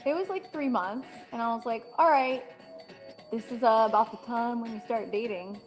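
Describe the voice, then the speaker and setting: A woman's voice: on the high side, normal speed, soft background music, low-quality recording. Chatty young woman acting out quotes. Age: 20s. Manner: chatty, acts out quotes while telling a story. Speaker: panel guest. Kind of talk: casual chat.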